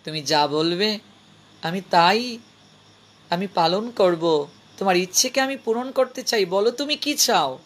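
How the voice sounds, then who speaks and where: A man playing a kind old holy man who speaks softly and tenderly, in a gentle, admonishing way. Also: sits high, lively intonation, measured pace, long pauses, exaggerated voice. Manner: soft, tender, calls her mother.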